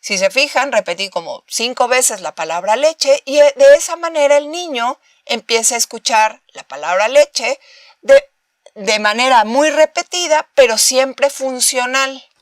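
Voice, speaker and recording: A woman's voice: sits high, lively intonation, measured pace, dry recording, clean studio sound. A woman with a Mexican Spanish accent giving a recorded university lecture, explaining with rhetorical questions and acting out short examples of talking to babies. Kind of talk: recorded master class lecture.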